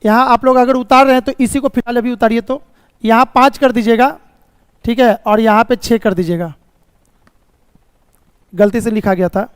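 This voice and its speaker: A man's voice: very high voice, steady tone, normal speed, pauses often, clean tone, no echo, in a large hall. A man teaching a reasoning class live, explaining step by step, checking often if students follow, and sometimes scolding them about the course. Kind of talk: live online class lecture.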